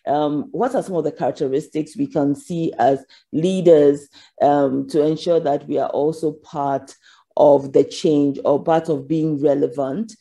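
A woman's voice: low voice, fairly even intonation, a little slow, gravelly, warm tone. A woman giving a conference keynote over slides, earnest, with frequent ums as she asks for the next slide. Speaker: keynote speaker.

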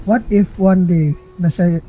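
A man's voice: sits high, fairly even intonation, slow pace, warm tone. A man bantering and questioning his partner in a casual game roleplay. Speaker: roleplay player. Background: game music.

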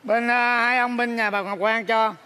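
A man's voice: very high-pitched, level tone, moderate pace, bright, forceful tone. A man playing a comic spirit in a live stage sketch, dropping wry asides. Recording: live stage with faint noise.

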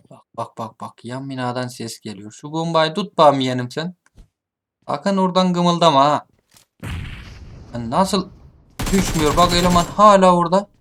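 A man's voice: a little high, a little fast, a little hiss or hum. Taunting man narrating his gameplay. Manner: taunting opponents, mutters then shouts. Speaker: gaming streamer. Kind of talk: live gameplay commentary. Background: game gunfire.

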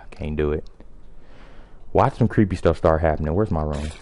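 A man's voice: rumbling low, moderate pace, darkish tone, slight background noise. A young man giving slangy, joking commentary while playing a horror game and reading its text aloud. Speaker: let's play gamer. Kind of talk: casual gameplay commentary.

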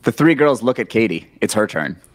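A man's voice: on the low side, animated, brisk. A man hosting a comedic script reading, narrating stage directions dryly. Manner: dry narration, breaking into laughs.

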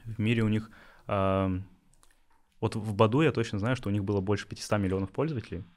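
Speaking fast in a fairly low, steady voice with a slightly mellow quality, this young adult startup founder from Yakutia, Russia, fields interview questions. He hesitates often and fills the gaps with filler sounds.

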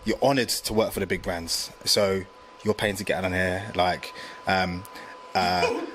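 A man, telling stories in a slangy, animated casual chat full of fillers. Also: low-pitched, unhurried, slight background noise. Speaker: graphic designer guest.

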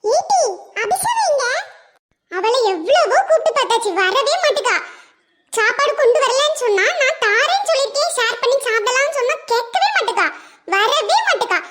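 A woman's voice: very high-pitched, moderate pace. A woman doing a chatty Tirunelveli schoolgirl. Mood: comforting. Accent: Tirunelveli Tamil. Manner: lively, comforting slang. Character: chatty kind schoolgirl friend. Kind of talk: cartoon voice acting.

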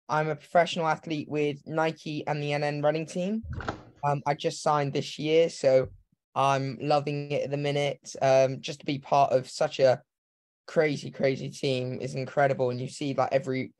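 Casting: young man in his 20s from Hong Kong, flat delivery, rambling and eager, webcam call sound. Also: on the high side. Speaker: guest, professional runner. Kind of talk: casual interview. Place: home room. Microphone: video call webcam.

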